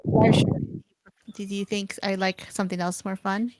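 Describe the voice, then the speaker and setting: A woman talks casually as a player and keeps her replies short and relaxed. The sound is close and dry. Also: mid-range voice, measured pace, no echo, poor audio. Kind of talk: casual chat.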